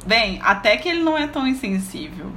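A woman's voice: fairly high pitch, sing-song, brisk, pushed and bright, a little hiss or hum. A young woman with a Brazilian accent who chats casually with a friend while reading a fan story, joking and adding dramatic asides. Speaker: co-host.

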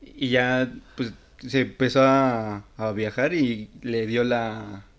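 A man's voice: mid-range voice, steady tone, slow pace. A young man with a Mexican accent telling a story in laid-back, slangy casual talk. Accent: Mexican Spanish.

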